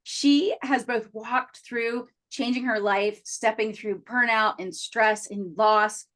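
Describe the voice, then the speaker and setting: A woman's voice: on the high side, fairly even intonation, slow pace. A woman hosting a podcast interview who speaks with eager enthusiasm and often fills her sentences with "you know". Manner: enthusiastic, warm welcome with frequent "you know" fillers. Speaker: podcast host.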